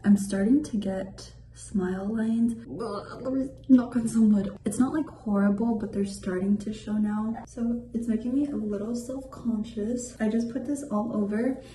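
A woman's voice: on the high side, steady tone, moderate pace, hardly any pauses, dark tone, reverberant, slight background noise, low-quality recording. A young woman chatting casually to the camera in a hotel room. She sounds tired and rambles, saying "like" often. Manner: chatty, rambling, heavy use of "like". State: tired from lack of sleep. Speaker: vlogger. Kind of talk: casual vlog chat to camera. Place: small hotel room, indoors.

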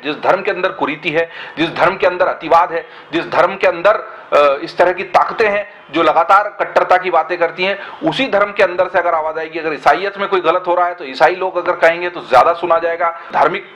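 A man's voice: high-pitched, a little fast, hardly any pauses, fairly bright tone, rough recording. A man giving earnest, argumentative commentary in a web discussion, often asking rhetorical questions.

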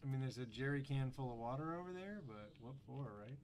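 A man with a voice of middling pitch talks casually over a video game, chatty and a little sarcastic, dropping plenty of ums and uhs. The faint hum of game noise sits behind his voice. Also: animated, brisk, darkish tone. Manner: chatty and wry, with frequent fillers and sarcastic asides. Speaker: gaming channel host. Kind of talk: casual gameplay commentary.

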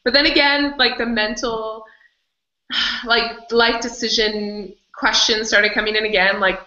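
A woman with a bright, forceful voice shares her story as an interview guest, animated and quick to laugh. She acts out what she said back then. The recording sounds roomy and a little dull. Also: a little high. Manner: animated, laughs often, acts out her own past words. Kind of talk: candid storytelling in conversation.

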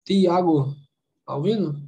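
A woman with a Brazilian Portuguese accent leads an online English class over a video call. She repeats English words slowly, breaks them down sound by sound and keeps checking that her students follow. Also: lowish voice, dark tone, low-quality recording. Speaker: English teacher. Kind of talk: online conversation class, explaining pronunciation.

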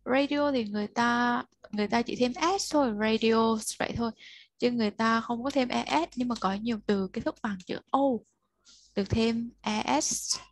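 A woman's voice: on the high side, normal speed, no room sound. A woman tutoring a child one-on-one, patiently explaining step by step and prompting the learner to answer. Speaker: English tutor.

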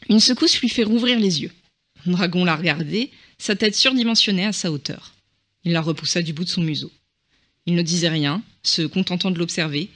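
A man narrating a short story in a soft, hushed, measured way. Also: high voice. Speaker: reader.

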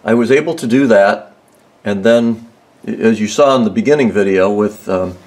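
Low-voiced man explaining car repairs. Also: moderate pace, noisy background. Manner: relaxed, rambling, with many ums and restarts. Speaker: home mechanic host. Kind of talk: casual how-to demonstration. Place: under a car in a garage.

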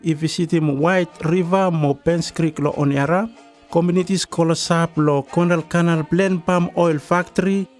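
A man with a Melanesian Pidgin accent reads scripted documentary narration in island pidgin. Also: a little high. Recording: voice-over with music behind. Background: music.

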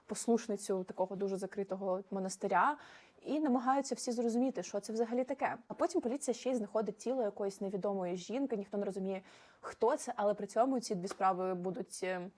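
A young woman talks through her book picks at a brisk clip, chatty and animated, with quick asides. Her pitch sits in an ordinary middle range. She is sitting on the floor at home. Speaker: book vlogger. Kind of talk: casual book review.

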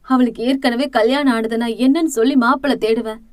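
A woman's voice: on the high side, steady tone, fairly quick, no echo, natural voice. A woman voicing an anxious middle-aged mother who pleads with worry in an audiobook drama. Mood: worried. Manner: worried, pleading.

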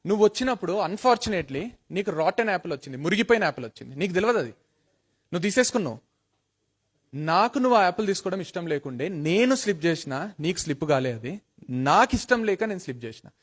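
A man voicing a patient, kindly God who gently reassures a boy. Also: sits high, sing-song, fast talker. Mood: gentle, reassuring.

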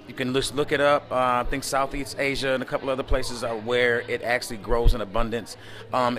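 A man answering interview questions in a relaxed, rambling way, full of fillers, recorded close to a camera indoors at a community event. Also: mid-range voice. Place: indoor event space by a window at night.

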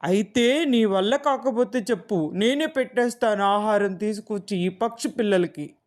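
A woman voicing an eager, restless, always-hungry female squirrel in a children's storybook, in a brisk plain voice. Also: medium pitch, darkish tone, lightly acted. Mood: urgent.

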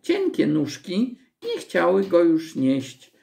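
Woman reading a children's story aloud, low gravelly voice, animated pitch, unhurried pace. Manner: expressive, slow storytelling.

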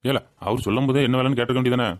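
A crafty male farmhand comes to life in a village comedy skit through a man's lightly acted, medium-pitched, steady voice. Rapid, cheeky and argumentative, he schemes and feigns anger, recorded dry at studio quality.

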